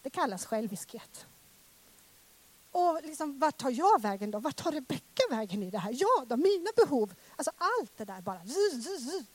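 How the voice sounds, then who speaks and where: A woman's voice: high-pitched, big pitch swings. Emotional woman preacher giving testimony. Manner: emotional, dramatic swings from loud to hushed. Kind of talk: personal testimony sermon.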